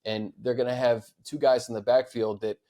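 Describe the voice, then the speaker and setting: Warm-toned but flat in delivery, this American podcast host talks sports at a moderate pace in a mid-range voice. He answers fan questions casually, repeating words here and there while he thinks out loud.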